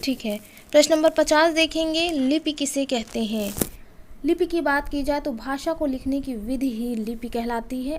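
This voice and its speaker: A woman teaching an exam-prep lesson. She reads out each question number and then explains the answer steadily. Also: sits high.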